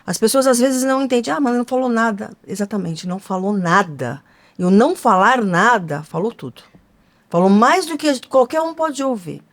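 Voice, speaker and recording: A woman's voice: mid-range voice, big pitch swings, moderate pace. A woman co-hosting a podcast, talking earnestly and emphatically, posing rhetorical questions. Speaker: podcast co-host. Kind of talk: conversational podcast talk.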